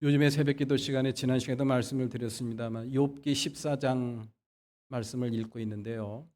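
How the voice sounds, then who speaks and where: A man preaching a Sunday sermon as pastor. He moves between quiet asides and loud, emphatic exhortation. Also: medium pitch, steady tone, brisk. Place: church sanctuary.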